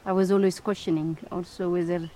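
Woman scientist from Ethiopia, halting. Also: on the low side, level tone, mellow, slight background noise. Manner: hesitant, many fillers and restarts. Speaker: interviewee; scientist and institute director. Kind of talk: interview answers.

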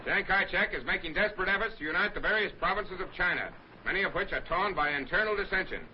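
A man's voice: high voice, quick pace. A man narrating a 1930s newsreel in a declamatory, emphatic announcer's manner, heard from an old newsreel soundtrack. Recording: noisy lo-fi 1930s newsreel audio.

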